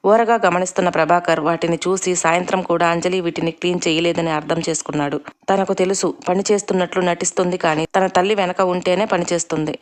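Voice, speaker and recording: A woman narrating a family serial story in a calm, measured reading style. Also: on the low side.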